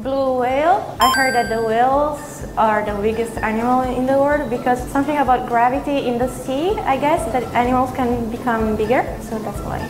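A woman's voice: high voice, normal speed, hardly any pauses, echoey room, music in the background, rough recording. A woman from Italy, a quiz contestant who is self-assured and laughs at herself. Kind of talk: casual quiz chat.

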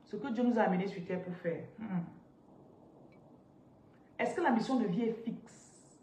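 A woman in her thirties, a spiritual business coach, teaching on a live stream in an animated, interactive way and reading out viewers' comments from a chair indoors. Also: mid-range voice, a little slow. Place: indoors, seated on a large ornate chair. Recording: roomy echo, somewhat distant from mic, faint noise.

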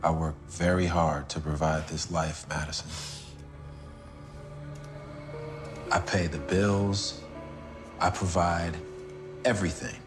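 A cold, domineering husband. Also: male voice, sits low, level tone, a little slow, music in the background. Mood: defensive. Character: controlling, threatening husband, adult man. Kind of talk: film drama acting.

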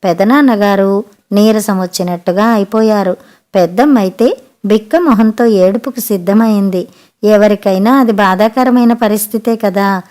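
A woman narrating a family story for an audiobook in an expressive, measured way. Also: mid-range voice.

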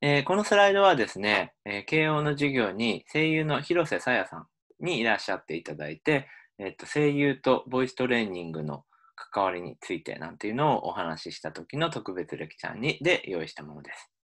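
A man's voice: mid-range voice, fairly bright tone. A man, a university linguistics lecturer, explaining in a recorded lecture with frequent um fillers.

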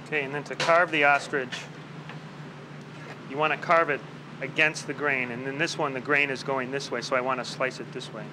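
A man's voice: mid-range voice, flat delivery, moderate pace, background noise. A man in his thirties with an American accent, a chef giving a casual cooking demonstration. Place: restaurant kitchen. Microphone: lapel mic. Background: guitar music.

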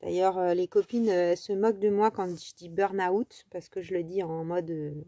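Chatty French woman with a mellow voice. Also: on the low side, fairly even intonation, moderate pace, no echo. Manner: chatty, rambling, many fillers. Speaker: crafting tutorial host. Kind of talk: casual crafting tutorial.

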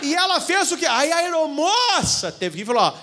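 Lively high-voiced Brazilian priest. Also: male voice, a little fast, background noise. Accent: Brazilian Portuguese. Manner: animated storytelling, acting out what people said. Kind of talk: humorous talk at a couples' retreat. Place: church event hall.

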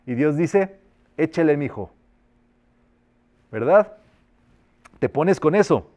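Male metaphysics teacher, fairly high pitch; colloquial and exhorting, intones group decrees slowly. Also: lively intonation, warm tone. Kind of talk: spiritual class leading group decrees.

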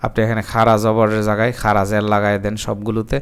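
A man teaching Quran reading, spelling out each letter and its sound slowly and patiently in a recitation lesson. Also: fairly low pitch, monotone, clean tone.

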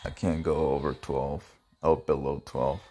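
A young man muttering frustrated commentary while pulling in a mobile game, grumbling with sudden yelled outbursts. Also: rumbling low, little pitch movement, measured pace, slightly rough, soft background music. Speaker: gamer. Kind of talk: casual gacha pull commentary.

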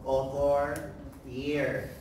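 Echoey man dictating slowly to a class. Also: mid-range voice, flat delivery, darkish tone. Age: middle-aged. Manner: dictating word by word with spelled words and spoken punctuation. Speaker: workshop lecturer on research writing. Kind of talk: classroom teaching with call-and-repeat drills. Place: classroom with whiteboard, indoors. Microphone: distant camera in the audience. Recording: echoey classroom, distant mic, noisy background.

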